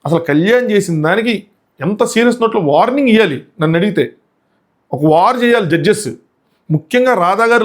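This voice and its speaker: Fast-talking man reviewing a show. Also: high-pitched. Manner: animated, mixes English into his talk, quotes others. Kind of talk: casual spoken review.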